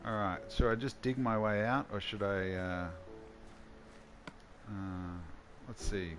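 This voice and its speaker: Slow, low-key man thinking aloud. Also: a bit bright, slight background noise. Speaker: host. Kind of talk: casual gameplay commentary.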